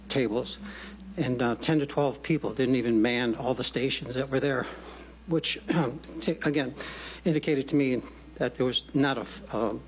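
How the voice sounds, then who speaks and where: A man out of breath gives testimony at a public hearing. He halts and restarts often, filling gaps with ums and uhs. The sound is dull and lo-fi, like a hearing room feed. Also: mid-range voice. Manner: halting, many fillers and restarts.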